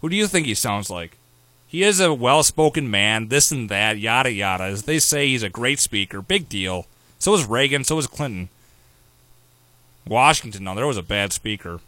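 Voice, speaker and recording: A man's voice: medium pitch, lively intonation, normal speed, bright, forceful tone, dry recording. A man hosting a talk radio show, ranting in a sarcastic, opinionated way.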